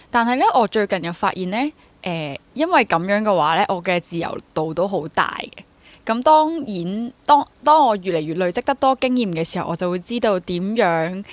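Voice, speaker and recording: A woman in her twenties with a Hong Kong accent speaks in a fairly low voice, recorded without echo. As a guest on an interview, she talks casually and reflectively, mixing English words into her speech. She works as a freelance stage actor and drama teacher.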